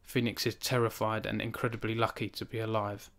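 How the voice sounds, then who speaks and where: A man in his thirties, an author, live-streams from a small home room into a studio microphone on a stand in front of him, reading from his novel and then chatting with viewers. His voice sits on the low side, fairly bright, with a flat, fairly quick delivery. When he chats he comes across as earnest and self-conscious, with frequent restarts and fillers.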